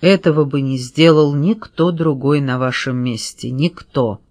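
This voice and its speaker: A man reading a sharp-witted male private detective in an audiobook, pressing a suspect with sarcastic questions. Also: fairly high pitch, a little slow, no echo, studio quality.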